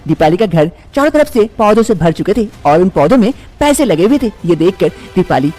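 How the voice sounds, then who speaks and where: A storyteller giving expressive, sing-song narration of a children's moral story. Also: mid-range voice.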